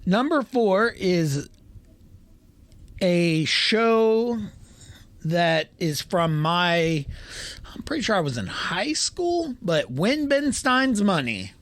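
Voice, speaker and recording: A man's voice: sits high, very animated, slow, a bit bright. A man in his thirties co-hosting a casual podcast, laughing often and swearing while bantering over a ranked list. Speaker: podcast co-host. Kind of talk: casual chat.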